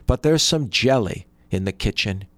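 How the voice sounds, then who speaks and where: A man's voice: on the low side, lively intonation, normal speed, no echo, close to an everyday voice. A man voicing a rich, stingy and suspicious peasant who talks in a curt, grudging way.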